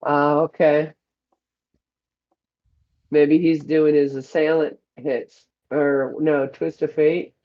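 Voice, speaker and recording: A woman's voice: low-pitched, level tone, takes it slowly, pauses often. Chatty woman game streamer, muffled sound. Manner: chatty, running commentary on rewards. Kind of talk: casual chat while playing. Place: home.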